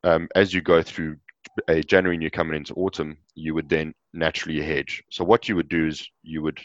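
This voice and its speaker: A man's voice: very deep voice, little pitch movement, brisk, no room sound, lo-fi sound. A man with a South African accent, a guest explaining energy trading in an interview, with many fillers and restarts. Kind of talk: interview answers.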